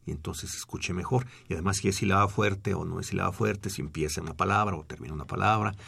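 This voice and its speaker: A man's voice: low voice, steady tone, fast, creaky, a bit bright, husky. A middle-aged man, a researcher explaining speech technology in a radio studio at length, with fillers and restarts.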